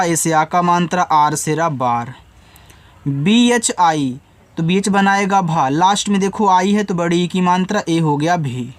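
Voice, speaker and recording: A male teacher giving a phonics lesson, spelling words letter by letter and then explaining quickly while talking straight to the viewer. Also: high-pitched, no room sound. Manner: reassuring, addresses viewer directly.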